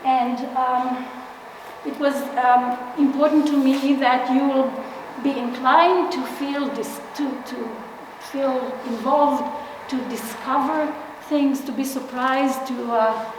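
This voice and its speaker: A woman's voice: sits high, steady tone, slow. A middle-aged woman from Israel giving a gallery artist talk, speaking hesitantly with many fillers and restarts. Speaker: exhibiting artist. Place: large gallery hall. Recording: echoey hall, distant from mic, noisy.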